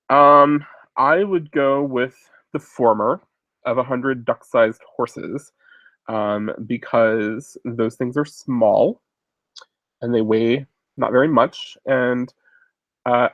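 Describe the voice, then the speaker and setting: A sniffling man in his thirties, a bit sick, hosts a relaxed chat answering what viewers ask, wandering off with lots of fillers and restarts. His pitch is medium, and the muffled recording carries no echo.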